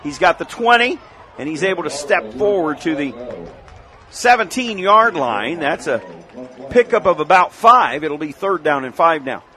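An American man giving live play-by-play commentary on a high school football game. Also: expressive, normal speed, bright, forceful tone. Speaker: play-by-play sports announcer.

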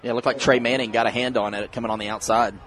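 A man's voice: medium pitch, steady tone, rapid-fire, fairly bright tone. An American man giving conversational color commentary and analysis during a live football broadcast.

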